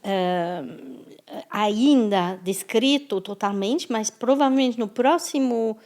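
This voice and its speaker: A guest in a conversational interview, this woman born in France speaks slowly and thoughtfully, often restarting her words. Her voice is on the high side with a darkish tone.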